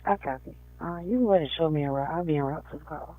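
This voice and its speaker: A man's voice: a little high, rapid-fire, no echo. A man on police radio, an officer reporting status and going en route in short radio calls. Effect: police radio transmission. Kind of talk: terse radio call codes. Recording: tinny narrow-band police radio, dry.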